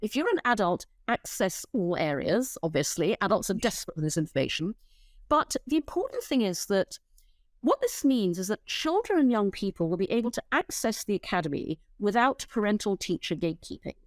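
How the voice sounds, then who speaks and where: A middle-aged woman speaking as an interview guest, emphatic and blunt, swearing freely and restarting her sentences as she pitches ideas. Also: sing-song, fairly quick, no room sound. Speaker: interview guest, company founder. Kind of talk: animated interview talk.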